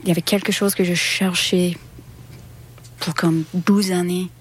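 Woman, lowish voice, foreign accent in French, second-language speaker, halting, searching for words, interview answers. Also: flat delivery, slightly rough. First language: not French, speaks French as a second language. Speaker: musician, singer and poet.

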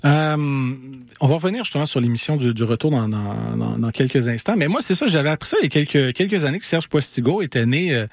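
A man's voice: mid-range voice, lively intonation, fast talker, vocal fry, no room sound. Chatty Québécois man, dry close sound. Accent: Québécois French. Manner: rambling, hesitant, many restarts. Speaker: podcast host. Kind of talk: casual commentary.

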